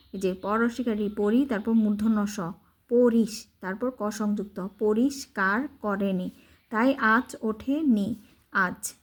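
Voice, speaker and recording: A woman reads a story aloud as a lesson, stopping to spell out words letter by letter. She talks in an unhurried, careful way. Her voice sits a little high. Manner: slow, careful, explaining word by word. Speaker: teacher. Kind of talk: reading lesson with spelling breakdowns.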